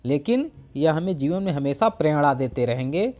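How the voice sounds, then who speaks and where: A man teaching a school Sanskrit lesson, reciting each verse slowly and then explaining it phrase by phrase, repeating key words for his students. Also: fairly high pitch, expressive, darkish tone. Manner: repeats phrases for students, self-corrects with a quick "sorry".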